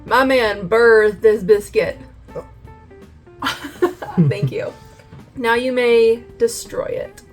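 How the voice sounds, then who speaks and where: A woman's voice: a little high, very slow, pauses often, faint music behind. A woman hosting a casual cooking vlog, teasing and giggling a lot. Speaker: vlog host.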